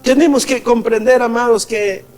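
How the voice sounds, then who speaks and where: A man's voice: very high voice, steady tone, normal speed, darkish tone, faint music behind. A man preaching a sermon as a pastor, calling his listeners "beloved" and acting out quoted voices. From Ecuador. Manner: preaching, calls the congregation "amados", acts out quoted voices.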